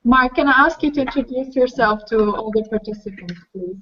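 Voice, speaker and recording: A woman with a high voice hosts an online webinar and calls on people one by one in a friendly, organized way. The audio has the dull, muffled sound of a video call. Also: a little fast. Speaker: webinar host.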